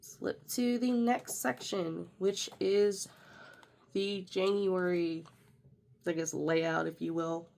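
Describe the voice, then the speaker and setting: This budgeting vlogger is a young woman whose sinus infection leaves her nasal and stuffed up. She speaks slowly and steadily in a lowish, gravelly, darkish voice, going through her budget planner in a chatty, rambling way full of fillers and self-corrections.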